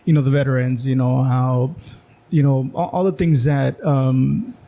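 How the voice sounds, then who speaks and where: A man hosting a podcast interview, asking questions in a hesitant, halting way full of fillers. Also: mid-range voice, steady tone, gravelly, mellow. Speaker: podcast host. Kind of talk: casual interview chat.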